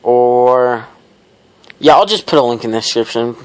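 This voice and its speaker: Teen male vlogger, mid-pitched, smooth clear tone, dry sound, loose rambling delivery. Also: normal speed, dry recording. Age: teens. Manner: rambling, heavy use of "like"; laid-back, wry. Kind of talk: casual storytelling to camera.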